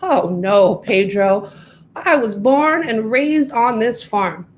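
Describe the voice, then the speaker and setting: A woman voicing a big, proud male show pig in a storybook reading, talking pompously and slowly. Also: a little high, animated. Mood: boastful. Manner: pompous, slow and drawn-out.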